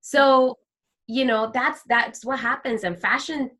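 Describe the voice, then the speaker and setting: A woman talking as an interview guest about her faith, animated and heartfelt, often acting out the voices she quotes. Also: high voice, slow pace. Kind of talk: heartfelt faith testimony in conversation.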